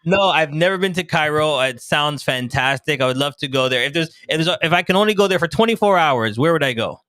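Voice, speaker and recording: A man's voice: a little high, animated, fast, bright, forceful tone, dry recording. A man hosting a casual talk show, upbeat and enthusiastic, often repeating his words as he talks. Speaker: show host.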